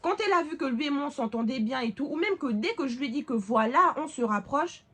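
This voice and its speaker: Animated young woman telling a story. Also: high voice, fast. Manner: animated, emphatic, laughs often. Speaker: vlogger. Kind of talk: casual storytime vlog.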